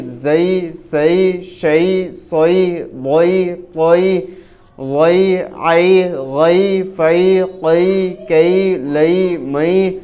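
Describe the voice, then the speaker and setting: Man teaching in a flat, even drone. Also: fairly high pitch. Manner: spells letters syllable by syllable, then reads them in a flowing run; firm and instructive. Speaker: Quran reading teacher. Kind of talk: spelling drill lesson.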